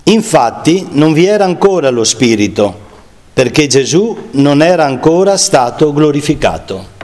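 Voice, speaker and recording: A man with a fairly high voice gives a slow, measured sermon and reads scripture aloud. His words ring out with a long reverb, as in a large church hall. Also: big pitch swings, darkish tone. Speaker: preacher giving a Bible talk.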